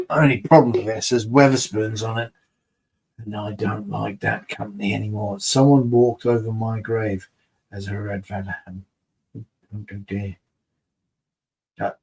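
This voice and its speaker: This man's voice sits on the low side and sounds creaky and a little mellow. As the host of a beer review channel, he chats with viewers about their comments on a casual live stream, mumbling, rambling, and poking fun at himself.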